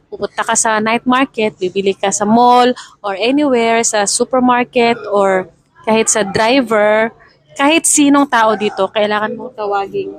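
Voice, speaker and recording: A woman's voice: mid-range voice, low-quality recording. Chatty filipina lady teaching travel words, laughs at herself, copies market sellers. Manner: chatty, laughs at her own confusion, mimics market vendors' calls. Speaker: vlogger explaining travel phrases. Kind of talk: casual explanatory chat.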